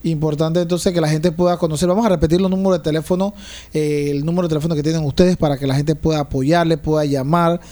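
Male interviewer, quick, warm tone, slightly high voice, leading questions. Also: steady tone.

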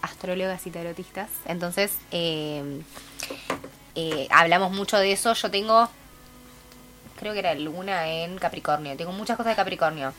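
A young woman in her twenties with a Rioplatense Argentine accent, chatting in a lively, animated way. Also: lowish voice, normal speed, soft background music. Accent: Rioplatense Spanish. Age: 20s. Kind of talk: casual chat.

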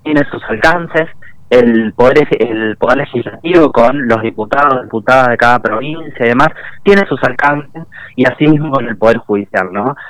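Un joven argentino de Entre Ríos, estudiante universitario, que habla en serio en una entrevista de radio, dudando a menudo y cerrando frases con "¿no?". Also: male voice, medium pitch, normal speed, a bit bright, low-quality recording. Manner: earnest, many hesitations and repeated tag questions. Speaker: university student and union representative. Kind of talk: radio interview guest.

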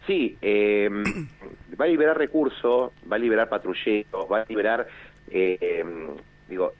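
An Argentine man, a security official phoning into a radio show, explains things in a measured way with many hesitations over a phone line that keeps breaking up. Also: fairly low pitch, slight background noise. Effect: choppy phone line that keeps cutting out.

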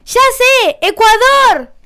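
A woman voicing an eager, excited little girl on a travel show, heard from a distance. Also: extremely high pitch, slow pace, pitched above the performer's own voice, heavily acted.

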